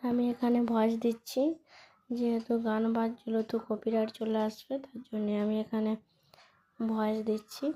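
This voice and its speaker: A woman vlogging casually to her viewers, her voice hoarse from a cold. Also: fairly high pitch, monotone, moderate pace, dark tone. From Bengal. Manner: chatty, talks to viewers as friends. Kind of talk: casual vlog narration. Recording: noisy background.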